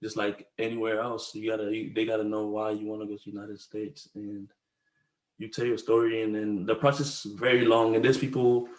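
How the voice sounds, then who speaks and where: A man's voice: lowish voice, level tone, brisk, reverberant. A man in his twenties from the Congo, a podcast guest talking casually and rambling, with slang and frequent restarts. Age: 20s. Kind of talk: casual conversation.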